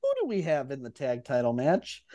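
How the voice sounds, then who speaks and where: Podcast host guy, jokey, teasing, regular pitch. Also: animated, fairly quick, dark tone, highs cut off. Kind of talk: casual chat.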